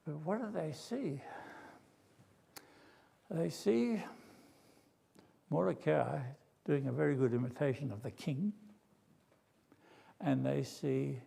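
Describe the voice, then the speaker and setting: A man's voice: on the high side, slow pace, creaky, pauses often, dark tone, husky. An older man from Australia preaching a sermon, telling a story with drama, humor and acted quotes. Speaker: pastor. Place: church.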